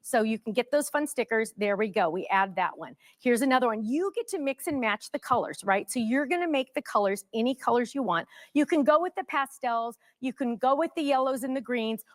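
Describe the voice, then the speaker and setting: A woman's voice: a little high, lively intonation, fairly quick, hardly any pauses, no echo, studio quality. A woman working as a home shopping host, demonstrating products in a chatty, gushing and emphatic way.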